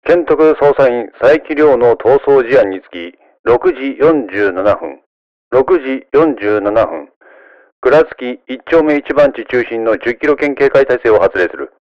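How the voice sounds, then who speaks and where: A male police dispatcher reads out orders over the police radio, as a man voices him in a slow, even, formal delivery. The sound is dull and lo-fi, like a radio channel, and dry with no room around it. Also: medium pitch, no room sound, voice pushed up. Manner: formal, measured announcement reading.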